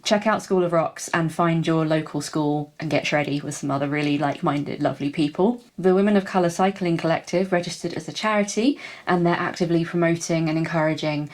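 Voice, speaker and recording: A woman's voice: on the low side, darkish tone. A woman hosting a cycling vlog, gushing as she runs through an upbeat roundup. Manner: upbeat, gushing, quick run through a list. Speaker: cycling vlogger.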